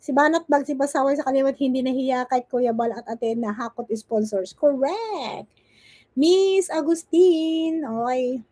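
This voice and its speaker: A woman's voice: high-pitched, moderate pace, hardly any pauses, a little mellow, no echo. A woman vlogger giving mocking reaction commentary, teasing and scolding as she keeps asking her target "okay?" and "ha?". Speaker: vlogger reacting to another streamer.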